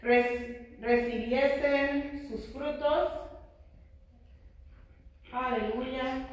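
A woman preacher teaches a Bible study in a church hall, speaking slowly and prayerfully in a high, steady voice and sprinkling in amens and hallelujahs. Her sermon includes prayer. The room is very echoey, she is far from the mic, and there is slight background noise.

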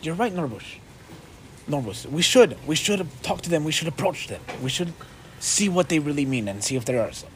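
A man's voice: on the high side, very animated, moderate pace, fairly bright tone, slight background noise. A man voicing a friendly male dwarf who eagerly welcomes travelers, close to his own voice.

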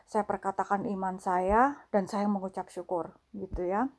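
A woman telling a personal faith testimony in a casual, halting way, full of fillers and repeated phrases. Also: mid-range voice, steady tone. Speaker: vlogger sharing a faith testimony.

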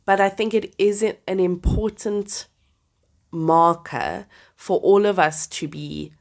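A woman's voice: medium pitch, fairly even intonation, takes it slowly, gravelly. Enthusiastic woman with a stuffy cold voice. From Southern Hemisphere. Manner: enthusiastic, laughs often. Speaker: podcast co-host. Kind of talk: casual faith chat.

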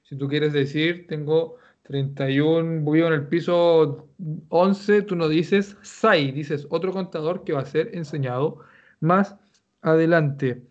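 A man with a Chilean accent, teaching Japanese and giving relaxed, joking feedback in an online class. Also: fairly high pitch, measured pace, muffled recording. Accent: Chilean Spanish.

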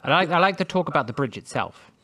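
A man's voice: fairly high pitch, expressive, quick pace, sharp tone, husky. Easygoing male co-host, chats casually and asks questions. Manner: agreeable, lots of yeahs, asks questions. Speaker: podcast co-host. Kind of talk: casual book discussion chat.

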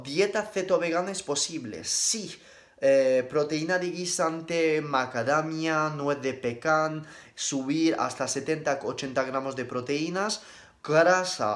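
Fairly high in pitch, this young man's voice belongs to a nutrition coach handling viewer questions on a live stream. He replies briskly and plainly, dropping in casual slang.

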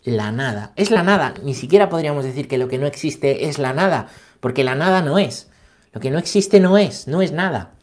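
A man giving a catechesis talk, animated and emphatic, asking rhetorical questions and checking in with his listeners. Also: fairly high pitch, brisk. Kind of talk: catechesis talk on scripture and philosophy.

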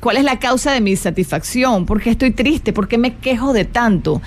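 A middle-aged woman talks on a live stream in a voice pitched a touch high. She strings together rhetorical questions and repetitions, then turns to greet viewers and read out what they have written. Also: expressive, moderate pace. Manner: greets viewers and reads their comments aloud. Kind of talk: casual live chat reflecting on happiness.

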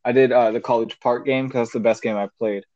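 A man's voice: mid-range voice, fairly even intonation, quick pace, a little mellow. A teenage boy co-hosting a casual podcast, rambling with a lot of "like", heard over a phone call. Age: teens. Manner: loose and rambling, lots of "like". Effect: heard over a phone line. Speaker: podcast co-host. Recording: muffled dry phone-call audio.

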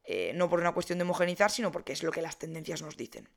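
A young woman talks through a topic in a loose, conversational monologue. Her voice sits a little low for a woman. She fills pauses and often corrects herself as she goes. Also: gravelly. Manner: chatty, many fillers and self-corrections. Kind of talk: casual explainer monologue.

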